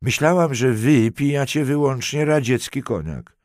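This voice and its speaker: A man's voice: mid-range voice, animated, unhurried, a little mellow, no room sound, clean studio sound, voice pushed up, natural voice. A man voicing a frightened, tearful young woman. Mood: teasing. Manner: teasing, then pleading and breathless.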